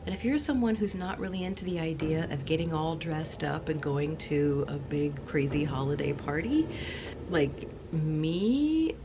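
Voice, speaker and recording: Low-pitched and animated, the woman hosting this channel keeps a measured pace as she chats cozily to camera, occasionally whispering in a spooky way. She sounds a bit off from an oncoming illness, and the background is noisy.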